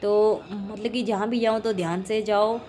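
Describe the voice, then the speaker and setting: A woman's voice: mid-range voice, steady tone, a little slow, warm tone. A woman in her thirties narrating her family's day in a chatty, casual vlog. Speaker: family vlogger. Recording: faint background noise.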